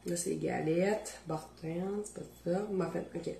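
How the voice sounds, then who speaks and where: A woman's voice: fairly low pitch, a little slow, creaky, reverberant, a little hiss or hum. A woman with a Beauce Quebec French accent, hosting a casual cooking demonstration in her home kitchen and chatting to viewers as she tastes. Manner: chatty, animated, talks to viewers while tasting. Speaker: cooking show host.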